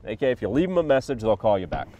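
A man's voice: on the low side, sing-song, racing, dark tone, dull audio. A man in his thirties co-hosting a gun review, talking casually with lots of fillers, a little under the weather with a cough. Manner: rambling, filler-heavy, thinks aloud. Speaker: co-host of a firearms review channel.

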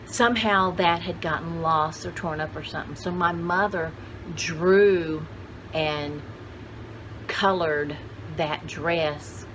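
Deep-voiced yet fairly bright in tone, this sixty-something woman chats to camera about her vintage paper dolls, wandering from thought to thought as she shows them to viewers. She's indoors at home among cluttered shelves, and the recording has obvious home-video noise.

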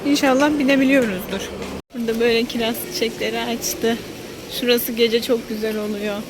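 A woman's voice: a little high, steady tone, brisk. A woman chatting casually to her viewers as she narrates a visit to an amusement park. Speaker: vlogger. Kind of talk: casual vlog chat, narrating as she goes. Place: amusement park, moving around among rides. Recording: busy amusement park crowd, loud music. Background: loud music and crowd noise.

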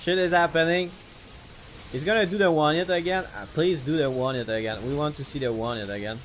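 Casting note: a man as a fired-up game streamer, a bit high-voiced, ending every sentence with "man". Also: fairly quick, a little hiss or hum. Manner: excitable, repeats "man" constantly. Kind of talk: live gameplay commentary.

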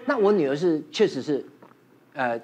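A man's voice: fairly high pitch, moderate pace, slight background noise. A man, a talk show guest telling stories about being a father in casual studio chat. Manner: chatty, animated storytelling.

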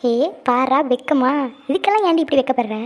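A woman voicing a lovestruck, anxious young woman in a cartoon who hides her feelings and talks in a quick, chatty, defensive way. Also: high-pitched, lively intonation. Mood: lively. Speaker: cartoon character. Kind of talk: cartoon voice acting.

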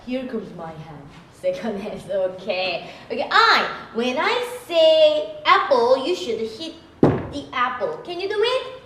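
Korean-accented woman as kids' English teacher, very lively high voice, roomy echo. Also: slow pace, slight background noise. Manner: exaggerated, sing-song, full of gasps and cheers. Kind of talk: playful lesson for small children.

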